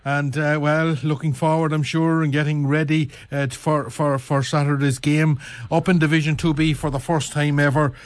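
A man with a Donegal Irish accent presenting live sport on local radio, talking in a halting, roundabout way and often correcting himself. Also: on the high side, flat delivery, no echo. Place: radio studio.

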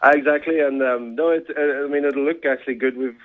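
A man's voice: mid-range voice, steady tone, a little fast, no room sound. A man chatting casually as a radio interview guest. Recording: tinny phone line.

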